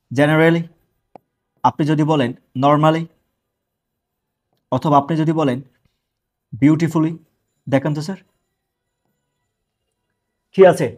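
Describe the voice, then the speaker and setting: A man's voice: on the high side, darkish tone. A man from Bangladesh, teaching an online English grammar class, asking questions and answering them himself.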